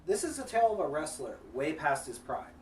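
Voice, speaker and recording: A man's voice: on the high side, big pitch swings, a little fast, far from the mic, heavy background noise. A man co-hosting a casual review chat about wrestling films, enthusiastic and conversational.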